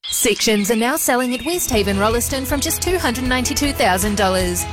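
A woman reads a radio advert in a polished, upbeat voice that sits a little high. Music plays under her.

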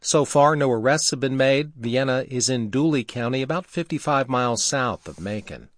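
A man reading a radio newscast in a steady, measured way. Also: mid-range voice, no room sound, studio quality.

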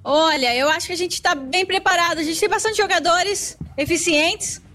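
A Brazilian woman with a high voice answers questions outside a stadium. She is an excited football fan who replies with upbeat confidence. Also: moderate pace. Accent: Brazilian Portuguese. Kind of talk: street interview.

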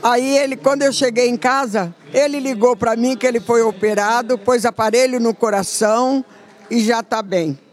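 A woman's voice: fairly high pitch, normal speed, a little mellow. Older woman, church testimony, earnest, storytelling, quotes herself. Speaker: church member giving testimony. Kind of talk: spoken testimony.

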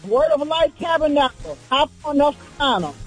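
A woman's voice: high-pitched, animated, normal speed, soft background music. A woman calling in to a radio show, heard over a clipped phone line, giving a brief plain answer. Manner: brief, plain call-in reply. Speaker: caller. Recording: distant call-in phone audio.

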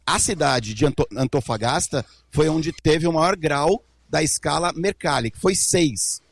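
A man's voice: a little high, unhurried, creaky, slight background noise. A male correspondent explaining a news event precisely in a live report.

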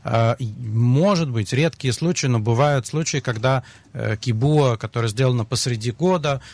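A man on a radio advice show, answering callers in a measured, explanatory way with a little dry humor. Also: medium pitch, a little mellow. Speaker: financial advisor.

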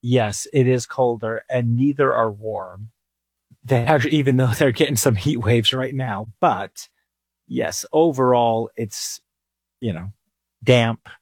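A man raised in England, a financial advisor answering interview questions in a relaxed, thoughtful way. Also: mid-range voice, a little slow, breathy edge, no room sound.

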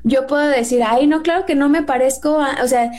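A Mexican woman with a Mexican Spanish accent and a fairly high voice talks through a Bible story in a casual, chatty way. She acts out the quotes she retells with a lifted voice. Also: a little fast, a little mellow.

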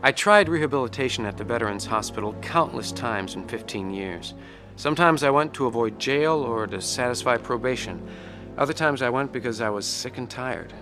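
A man's voice: mid-range voice, expressive, a little fast, close to an everyday voice. An actor playing a troubled war veteran and addict, telling his story in an earnest, reflective, conversational way. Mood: reflective, regretful. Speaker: narrator and lead actor. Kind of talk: dramatized first-person testimony narration. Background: music.

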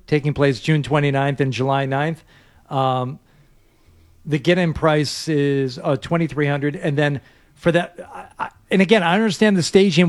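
A man co-hosting a casual sports talk show, reading out ticket prices with many pauses and restarts. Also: on the high side, no room sound, studio quality. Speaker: sports radio host.

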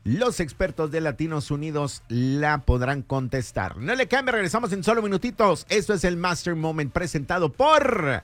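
A man hosting a radio show, delivering a call-in pitch to listeners. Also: lively intonation, normal speed, hardly any pauses, no room sound.

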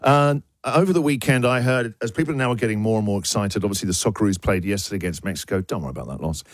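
Excitable male radio breakfast host. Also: very fast, dry recording. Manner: energetic and enthusiastic, jumps in pitch when excited. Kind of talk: lively radio banter. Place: radio studio. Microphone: studio broadcast mic.

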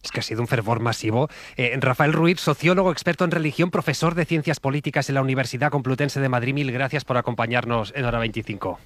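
A man hosting a radio show, reacting briskly to guests and contributors. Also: medium pitch, a bit bright, no echo. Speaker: radio host. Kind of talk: radio host chat.

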